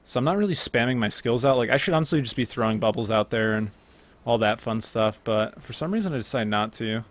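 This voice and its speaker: In a mid-range voice at a fairly quick clip, a young man casually talks through his own gameplay. He's relaxed and chatty, with frequent fillers and self-corrections.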